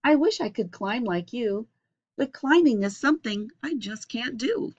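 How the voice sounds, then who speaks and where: Woman reading as a slow-talking wistful young platypus. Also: on the high side, animated, a little mellow, voice pushed up. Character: friendly young male platypus, wistful about his shortcomings. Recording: dull lo-fi webcam recording.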